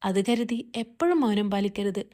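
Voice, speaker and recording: A woman's voice: medium pitch, lively intonation, normal speed, mellow, close to an everyday voice. A woman voicing a caring older brother who soothes and advises his sister in a read-aloud family story. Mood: comforting.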